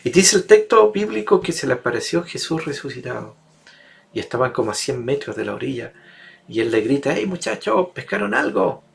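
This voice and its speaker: Male preacher, sermon delivery, emphatic repetition, gravelly voice. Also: mid-range voice, a little fast. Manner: emphatic, builds repetitive rhetorical lists.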